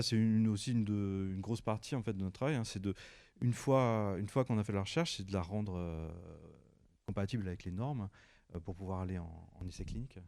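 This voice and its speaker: A man's voice: low-pitched, a little mellow. A man answering audience questions at a conference, technical and hesitant with repeats.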